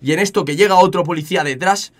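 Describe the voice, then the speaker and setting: A young man with an accent from Spain, telling a story casually to his chat, animated and often repeating words. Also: high voice, fast. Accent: Spain Spanish. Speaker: streamer.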